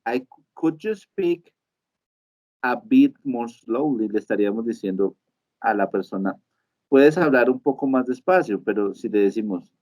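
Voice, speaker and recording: A male teacher talks through a live online lesson at an ordinary middle pitch. He goes step by step and keeps asking his students whether they follow. The sound is muffled and lo-fi, like a video call. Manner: explains step by step, often checks in with "right?". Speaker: English teacher.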